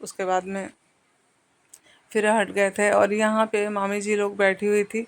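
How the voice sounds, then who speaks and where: A woman's voice: mid-range voice, flat delivery, unhurried. A young woman narrating her family trip in a casual, rambling vlog, talking to her viewers as friends. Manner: chatty, addresses viewers as friends; rambling with fillers and restarts. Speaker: family vlogger.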